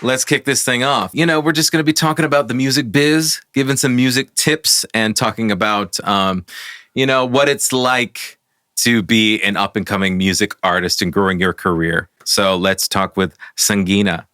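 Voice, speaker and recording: A man's voice: fairly low pitch, normal speed, sharp tone, dry recording. A man hosting a casual interview in a music studio, upbeat and chatty, often repeating words for emphasis. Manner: upbeat, repeats himself, lots of backchannel. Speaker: host, studio owner and music producer. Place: recording studio.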